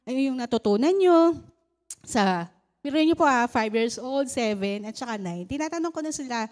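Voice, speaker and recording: A Filipino woman in her thirties gives a sermon testimony in church. She tells her story with frequent laughs and grows loud when she is stirred. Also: high-pitched, expressive, moderate pace. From Philippines. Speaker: lay preacher giving a testimony.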